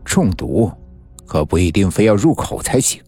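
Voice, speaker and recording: A man voicing a cruel, smug male schemer who gloats calmly. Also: low voice, moderate pace, slightly rough, faint music behind, heavily acted. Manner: calm, gloating.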